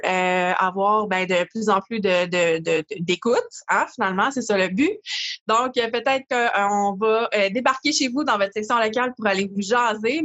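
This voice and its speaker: A woman's voice: a little high, fairly bright tone, muffled recording. A woman hosting a podcast in casual, chatty talk, with frequent fillers. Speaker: podcast host.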